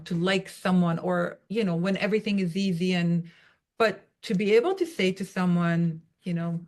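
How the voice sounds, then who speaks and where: A woman's voice: fairly low pitch, darkish tone. A woman guest on a podcast, giving advice in a reassuring way and often checking in with "right?". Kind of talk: casual advice-giving chat.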